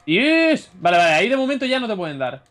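A young man coaches a friend through an online game. His voice sits fairly high for a man. He is mostly relaxed and laughs, with a sudden yelp when his character gets hit. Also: racing, soft background music. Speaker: co-op gaming partner. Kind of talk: casual gameplay chat.

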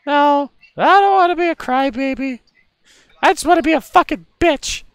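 A man voicing a whiny, scared little girl while reading game dialogue aloud in a high, petulant child voice. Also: moderate pace, no echo. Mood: bratty.

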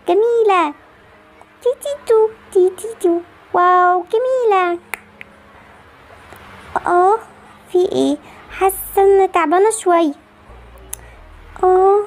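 A woman's voice: extremely high pitch, a little slow, pauses often. A woman voicing a sick little girl who whimpers and pleads, with an Egyptian accent. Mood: playful. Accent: Egyptian Arabic.

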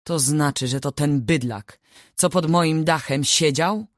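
A woman's voice: rumbling low, moderate pace, no room sound, clean studio sound. A woman reading the lines of a harsh, furious older peasant father in a storybook, barking threats.

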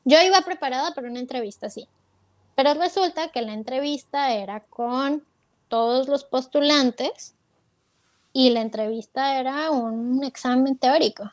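A woman's voice: high voice, moderate pace, no room sound. A woman telling her story as an interview guest, candid and full of fillers, quoting her own thoughts aloud. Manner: candid, retells with quoted self-talk and many fillers.

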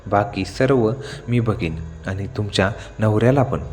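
A man's voice: lowish voice, unhurried, long reverb tail, over music, close to an everyday voice. A man voicing a mysterious, beautiful young female ghost in a horror story, with a sly, sweet-talking manner.

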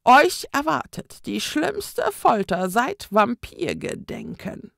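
A woman voicing a pompous old male ghost who hunts vampires, booming out threats and chanting slow incantations. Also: big pitch swings, vocal fry, fairly bright tone, dry recording, studio quality, full character voice. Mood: menacing.

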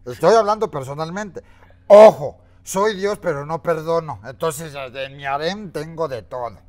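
A man's voice: a little high, unhurried, darkish tone, natural voice. A man playing a crude, boastful masked figure with a Mexican accent who calls himself a god, mocking and swearing in a comedy interview. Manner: swaggering, foul-mouthed, mocking.

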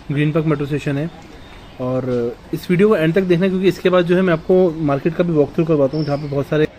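Holding his phone camera out at arm's length, a travel vlogger from India in his thirties walks an old fort and the town streets outdoors. He chats in Hindi sprinkled with English words, in a voice that's on the high side and a little mellow. There's slight background noise.

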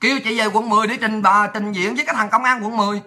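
A woman delivers a profane ranting monologue. She talks very fast and brashly, and her voice is piercing and hard-edged. Laughter and shouts keep breaking through. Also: mid-range voice, fairly even intonation, a little hiss or hum. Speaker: political livestreamer.

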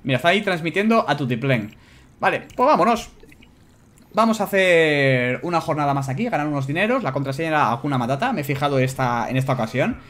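A man with a Spanish accent giving casual, animated commentary on a video game as he plays, swearing and shouting at his own mistakes. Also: fairly high pitch, quick pace. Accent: Spanish from Spain. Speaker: gameplay YouTuber. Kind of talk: casual let's-play commentary. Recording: music playing behind.

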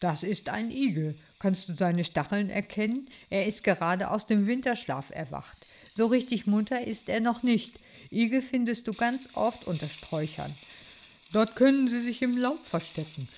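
A woman's voice: mid-range voice, expressive, moderate pace, a little mellow. A woman voicing Amadeus, a proud and knowledgeable male blue tit. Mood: explaining.

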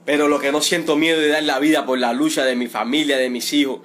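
On a livestream, a middle-aged Cuban man makes a pleading, indignant appeal for his detained protester son, repeating himself and using drawn-out emphasis. His voice is on the high side and a bit bright, with fairly even intonation.

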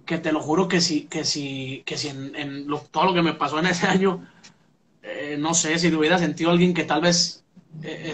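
A young man with a Mexican accent talks in a relaxed, rambling way, filling gaps with "este" and punchy "pum" sounds. His voice sits a little high for a man, and there is a faint hiss of noise behind him. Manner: conversational, many fillers and "pum" sound effects. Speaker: musician interviewee. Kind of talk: casual interview.

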